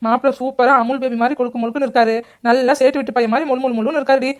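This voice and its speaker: A high-pitched cartoon voice of a teasing young village woman, acted by a woman. She rattles along at a very fast pace, chatty and playful. Her talk never slows down. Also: steady tone, natural voice. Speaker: voice actor for a family cartoon. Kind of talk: animated cartoon dialogue.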